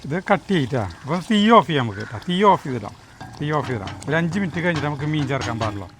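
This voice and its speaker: A man hosting a home cooking vlog, giving brisk cooking steps and repeating them, in a home kitchen. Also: medium pitch, expressive, fairly bright tone, faint music behind. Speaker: vlog host cooking fish pickle. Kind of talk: casual cooking instructions.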